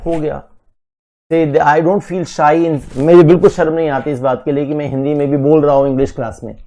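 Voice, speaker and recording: This is a male teacher, switching between Hindi and in a classroom lecture. He talks slowly and deliberately and keeps quizzing his listeners. His voice sits a little high but sounds dark and mellow. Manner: slow, deliberate, asks students questions. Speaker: English teacher for entrance exams.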